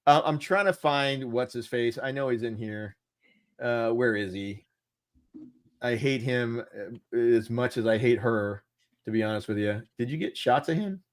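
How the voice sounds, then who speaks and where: A man's voice: mid-range voice, unhurried. A man co-hosting a casual chat show, rambling and candid with lots of fillers, laughing often as he talks. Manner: laughs often while talking. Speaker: co-host.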